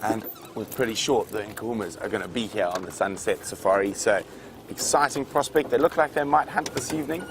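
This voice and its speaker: A man's voice: fairly low pitch, brisk. A man guiding a live savanna safari from an open vehicle, explaining wildlife to viewers in an unscripted, conversational way. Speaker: safari guide hosting a live game drive. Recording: noisy outdoor vehicle ambience.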